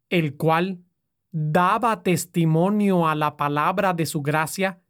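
Slow, solemn woman reading scripture. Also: on the low side. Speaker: scripture reader.

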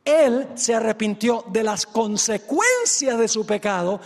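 High-voiced man preaching in a hall. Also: a little slow, vocal fry. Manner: lively storytelling, addresses the congregation directly. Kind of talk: sermon. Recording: echoey hall reverb.

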